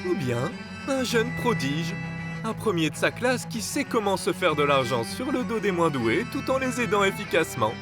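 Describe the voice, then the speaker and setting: A man's voice: high-pitched, very animated, moderate pace, over loud music. A man playing a composed, shrewd cartoon father who speaks in a formal, precise, dryly ominous way. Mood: probing. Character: composed, shrewd, calculating father at a poker table. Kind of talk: animated cartoon dialogue.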